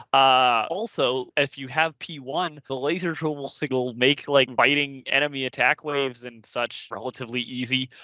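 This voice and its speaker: A man's voice: medium pitch, bright, forceful tone, no echo, dull audio. A man talking through video game strategy in long, detailed explanations full of fillers and restarts, in a casual panel discussion.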